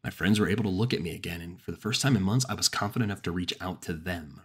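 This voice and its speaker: A man narrating a first-person horror story in a measured, dramatic way. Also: low voice, fairly bright tone, breathy edge.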